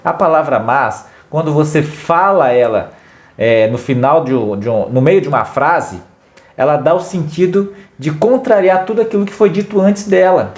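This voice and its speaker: A man with a higher-pitched voice co-hosts a family advice talk, speaking casually to viewers at a moderate pace. He explains things patiently and repeats key words for emphasis.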